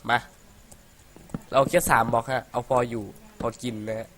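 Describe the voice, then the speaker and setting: A man's voice: mid-range voice, level tone, moderate pace, a bit bright, slight background noise. Rowdy young man narrating his gameplay. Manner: rowdy and profane, laughs a lot, playful chatter. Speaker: gaming commentator. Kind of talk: casual let's-play commentary.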